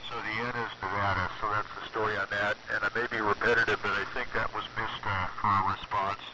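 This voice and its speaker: A man speaking as an amateur radio operator on a net, halting and measured, through a shrill, gritty early carbon microphone over the radio. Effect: radio transmission. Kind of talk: rambling ham radio net check-in. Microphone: vintage military carbon microphone. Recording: very noisy shrill vintage radio transmission.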